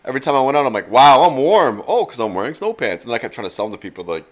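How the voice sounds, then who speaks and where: A man co-hosting a podcast, chatting casually and telling rambling, animated stories. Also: mid-range voice, very fast. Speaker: podcast co-host. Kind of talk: casual chat. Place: rural cottage area.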